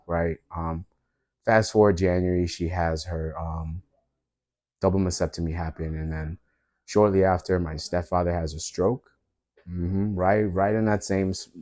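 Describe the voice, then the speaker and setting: A man's voice: low voice, no echo, studio quality. A man sharing a personal story in a vlog, loose and reflective, with many fillers and an earnest, spiritual tone. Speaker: vlogger.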